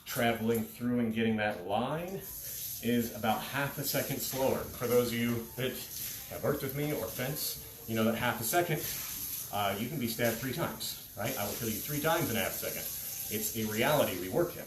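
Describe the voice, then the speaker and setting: A man's voice: medium pitch, moderate pace, noisy background. A man in his thirties explaining fencing technique in a casual, informal instructional style. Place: carpeted living room. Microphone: camera several steps away. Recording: echoey room, distant from microphone.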